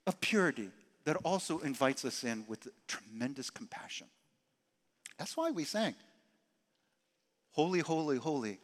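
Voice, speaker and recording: Animated preacher in a reverberant hall. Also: male voice, sits high. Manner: animated, emphatic preaching with dramatic drops to quiet. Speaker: pastor. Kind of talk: sermon.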